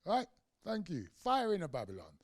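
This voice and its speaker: A middle-aged man tells stories as a guest lecturer, his voice warm and mellow and swinging widely in pitch. He talks conversationally with casual fillers and acts out the voices he quotes. The sound is close and dry. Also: huge pitch swings, normal speed, no room sound. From England. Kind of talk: storytelling lecture.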